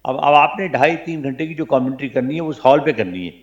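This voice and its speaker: An older man from Pakistan, a veteran radio commentator, telling animated stories as an interview guest and often checking that his listener follows. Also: medium pitch. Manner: animated anecdotes, frequent "theek hai na?" check-ins. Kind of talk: reminiscing interview storytelling. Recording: dull lo-fi broadcast audio.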